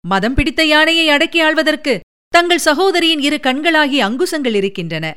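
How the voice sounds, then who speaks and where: A woman's voice: sits high, lively intonation, moderate pace, sharp tone, pitched above the performer's own voice. A woman reading a Tamil story, voicing a scheming young queen with teasing, sly questions.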